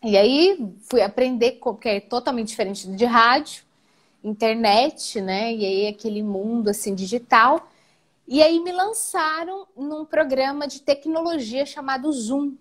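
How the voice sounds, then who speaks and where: Animated Brazilian woman telling her story. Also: measured pace. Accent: Brazilian Portuguese. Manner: animated, with frequent "né?" tags and sudden jumps up in pitch. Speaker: guest. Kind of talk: emotional personal storytelling in a live interview.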